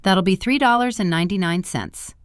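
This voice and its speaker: A woman voicing a sarcastic young woman working a bored fast-food shift, in a flat monotone, in a storybook reading. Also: medium pitch, smooth, no echo, studio quality, voice pushed up, natural voice. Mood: dry monotone. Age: young adult.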